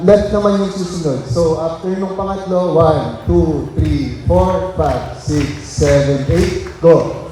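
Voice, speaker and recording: Filipino man, cheer leader, slow deliberate counts, dark tone, big echoey theater heard from a distance. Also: on the high side. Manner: counting beats and calling out instructions. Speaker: cheer leader of a drum group. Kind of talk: leading a crowd through cheers. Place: large theater hall.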